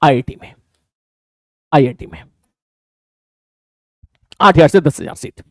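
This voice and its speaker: A man teaching a live online class, talking fast and repeating his phrases with frequent checks for understanding. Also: fairly high pitch, sing-song, vocal fry, dry recording, studio quality.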